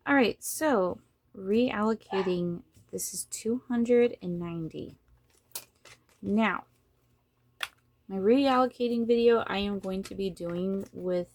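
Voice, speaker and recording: A woman who runs a budgeting vlog, thinking aloud in a fairly monotone way as she counts bills under her breath. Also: mid-range voice. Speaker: budgeting vlogger. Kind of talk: casual talk while counting cash.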